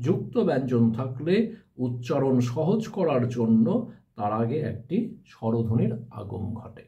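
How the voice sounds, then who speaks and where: A male teacher giving a step-by-step grammar lesson, often pausing to ask his students rhetorical questions. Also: medium pitch, dark tone.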